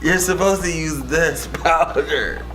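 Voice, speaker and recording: A man's voice: a little high, takes it slowly, poor audio. A giggly, tipsy man doing a makeup vlog in casual chat. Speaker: vlogger following a makeup tutorial. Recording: music playing behind the voice.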